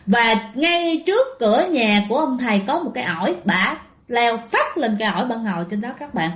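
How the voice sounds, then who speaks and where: A woman with a Southern Vietnamese accent telling ghost stories to listeners in a lively, animated way. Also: fairly high pitch, fairly quick. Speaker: ghost story narrator. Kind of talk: storytelling to listeners. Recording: echoey room.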